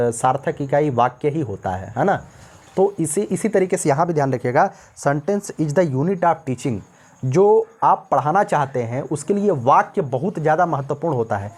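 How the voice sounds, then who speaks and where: A male teacher with an Indian accent gives a recorded exam-prep lecture, explaining in Hindi, reading English notes slowly and often checking "ठीक है ना". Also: medium pitch, darkish tone. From North India.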